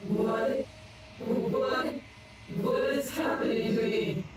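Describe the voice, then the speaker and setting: A high, slow, defiant possessed princess. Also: female voice, steady tone. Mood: bewildered. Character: defiant possessing princess, menacing, determined to break free. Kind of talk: dramatic video game voice acting. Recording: thin phone-like band, loud background noise.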